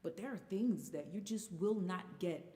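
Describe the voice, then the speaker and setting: A woman's voice: mid-range voice, expressive, normal speed, mellow, in a large hall. A woman in her thirties telling a personal story candidly in a casual chat as a guest. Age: 30s. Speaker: guest singer.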